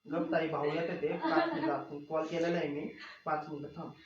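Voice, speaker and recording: Man as a soothing shop worker, recorded from a distance with clear background noise. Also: on the high side, little pitch movement, a little fast, highs cut off, natural voice. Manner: reassuring, repeats himself. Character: helpful male shop worker calming a visitor. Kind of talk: amateur short film acting. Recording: echoey room, distant mic, background noise.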